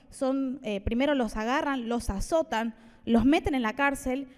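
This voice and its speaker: A woman's voice: high voice, long reverb tail. A woman preaching a sermon, conversational and playful, with asides to the congregation. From Argentina. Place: church hall.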